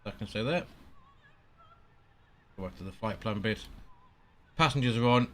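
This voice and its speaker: A man's voice: fairly low pitch, normal speed, fairly bright tone, a little hiss or hum. A man giving casual, think-aloud commentary as he streams a flight simulator. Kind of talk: casual live gameplay commentary. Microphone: headset.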